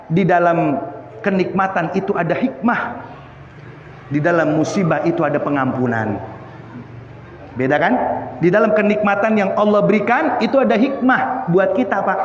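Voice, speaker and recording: High-voiced man teaching in an echoey hall. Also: a little hiss or hum. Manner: lively, asks the audience questions often. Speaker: Islamic teacher. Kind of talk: religious study lecture. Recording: echoey hall, dull lo-fi sound.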